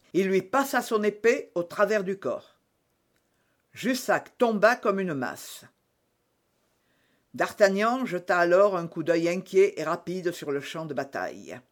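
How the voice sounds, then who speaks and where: A man narrating an adventure audiobook with expressive, dramatic storytelling. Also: sits high.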